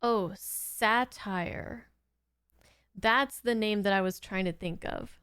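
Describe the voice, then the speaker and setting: A woman who hosts a reaction channel gives casual reaction commentary in an informal, giggly, rambling way. Her medium-pitched voice is slow, smooth and a bit bright, captured in clean studio sound with no echo.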